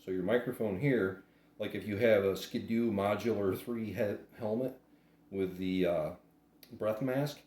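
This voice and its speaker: A low-voiced man reviews a product as he unboxes it, speaking unscripted, hesitant and plain-spoken at an unhurried pace with a darkish tone. The recording has a roomy echo and faint background noise.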